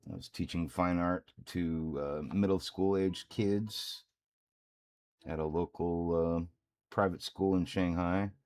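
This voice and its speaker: Painting as he goes, this man rambles in an easy, relaxed way and lets out frequent chuckles. He is a miniature painter and streamer, and his low voice takes its time.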